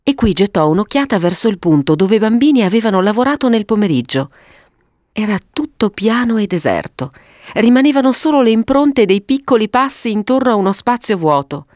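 A woman narrating a children's story aloud in an expressive reading voice. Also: medium pitch, fairly quick, no room sound, clean studio sound.

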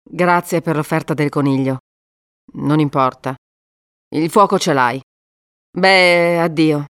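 A woman's voice: low voice, slow pace, fairly bright tone, clear, resonant tone, no room sound, studio quality. A woman voicing a weary, protective young woman in an audiobook.

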